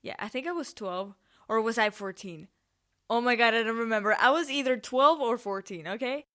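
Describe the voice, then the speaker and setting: A woman's voice: on the high side, normal speed, fairly bright tone. A young adult woman hosting a podcast, telling stories casually in a rambling, informal way and often correcting herself. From Spain, with family in Mexico. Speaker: podcast host. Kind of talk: casual solo storytelling.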